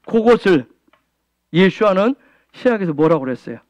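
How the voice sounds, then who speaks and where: A male pastor preaches a sermon in a high voice with big pitch swings, a moderate pace, and a slightly mellow tone. He fires rhetorical questions at the congregation, repeats key phrases for emphasis, and keeps nudging them with "응?". The recording is dry and lo-fi.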